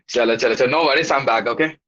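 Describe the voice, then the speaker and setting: In dull, lo-fi audio from an online class, a man with an Indian accent and a mid-range, fairly bright voice teaches live. He greets the schoolchildren by name, keeping things upbeat, encouraging and casual.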